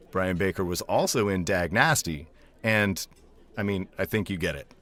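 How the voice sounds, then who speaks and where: A man's voice: fairly low pitch, fairly bright tone. A man in his forties hosting a podcast, telling a scripted story with dry, self-deprecating humor. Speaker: podcast host. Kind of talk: scripted monologue intro.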